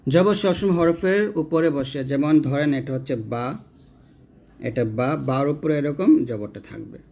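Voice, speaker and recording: A man's voice: on the high side, a little mellow. A man teaching Quran reading step by step. He spells out each letter and vowel mark, then asks viewers to read along after him. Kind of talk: slow step-by-step recitation lesson.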